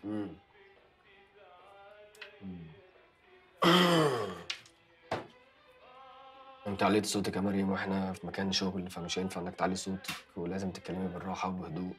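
An actor with an Egyptian accent playing an evasive young man who makes smooth excuses to his girlfriend. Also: low voice, completely flat delivery, faint music behind, close to an everyday voice. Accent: Egyptian Arabic. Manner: smooth, fast excuse-making. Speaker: actor in a TV drama series. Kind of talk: TV drama acting.

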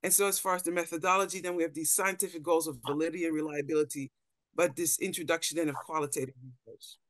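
A deep-voiced woman speaks at a quick pace in a steady tone, with no room sound. She's a middle-aged Dutch anthropologist on a panel, presenting a thoughtful slide-based talk over a video call from indoors and frequently repeating words as she searches for expressions.

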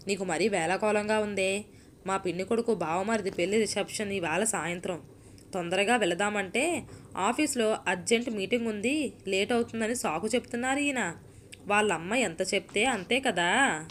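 A woman's voice: mid-range voice, normal speed, a bit bright, a little hiss or hum, natural voice. A woman voicing a young married woman who is melodramatic, self-pitying and hooked on TV serials, in a storybook reading. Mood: scheming. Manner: sighing scoffs, self-pitying, complaining.

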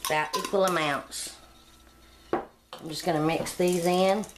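A woman's voice: fairly low pitch, steady tone, measured pace, noisy background. A middle-aged woman hosting a home cooking channel, talking plainly step by step through a recipe in her kitchen. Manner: homey, plain-spoken, step-by-step. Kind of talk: casual cooking demonstration voice-over.

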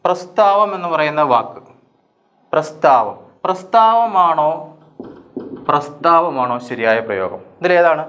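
A man teaching a grammar lesson for exam students. He asks questions and answers them himself, and repeats each word slowly. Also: fairly high pitch, lively intonation, fairly bright tone. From Kerala. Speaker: Malayalam teacher.

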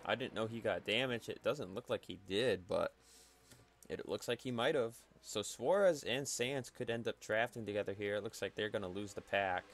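A man giving calm, analytical play-by-play commentary for a simulated stock car race, with faint noise behind him. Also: on the low side, moderate pace. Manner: calm, analytical play-by-play that rises sharply at wrecks. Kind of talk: solo sim racing commentary.

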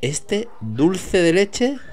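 A man's voice: high-pitched, very animated, drawn-out words, darkish tone. A man casually walking through a supermarket aisle, pointing out products to his viewers. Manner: chatty, pointing things out to viewers. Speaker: vlogger showing store products. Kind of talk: casual walkthrough narration.

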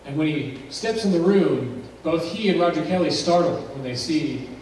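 Guy pastor telling a story in a sermon, slightly high voice, big echoey church, mic far off. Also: lively intonation, a little mellow, slight background noise. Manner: dramatic narrator, builds tension with pauses and swells. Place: church sanctuary. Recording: very echoey church recorded from a distance.

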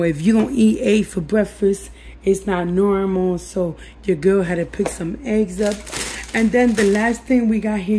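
A woman with a raspy, hoarse voice that is giving out, chatting casually and encouragingly to viewers as a budget cooking vlogger. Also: medium pitch, dark tone, slight background noise. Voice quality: raspy, husky, breaking voice. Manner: addresses viewers familiarly, encouraging. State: losing her voice, hoarse. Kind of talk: casual chat to viewers over cooking demonstration. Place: home kitchen.

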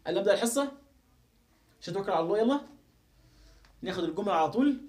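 High-voiced Egyptian man teaching phonics. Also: animated, rapid-fire, a little mellow. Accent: Egyptian Arabic. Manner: repetitive, drills pronunciation over and over. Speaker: English teacher. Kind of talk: live online phonics lesson.

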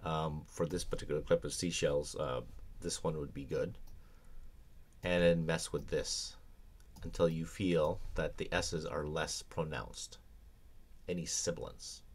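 A man's voice: a bass voice, flat delivery, measured pace. A man teaching audio editing in a screencast tutorial, explaining in a casual way with many ums and restarts. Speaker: audio production instructor.

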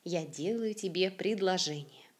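A woman from Siberia with a Russian accent gives a careful language lesson, saying each example phrase slowly and repeating it clearly. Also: lowish voice. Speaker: language teacher.

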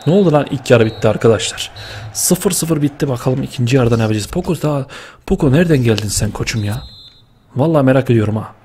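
A young man giving lively, excitable commentary while playing a football video game, cheering and scolding his players with slang. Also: mid-range voice, quick pace, slight background noise. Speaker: gaming YouTuber.

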